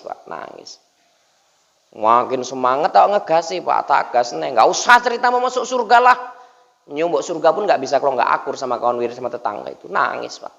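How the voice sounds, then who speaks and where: A male Islamic preacher gives a joking dawn sermon, teasing his listeners at every turn. His voice sits fairly high and carries a gravelly edge. The recording is dull and lo-fi. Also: fairly bright tone, long reverb tail. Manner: jokey, teasing the congregation, frequent "Pak" asides. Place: mosque gathering.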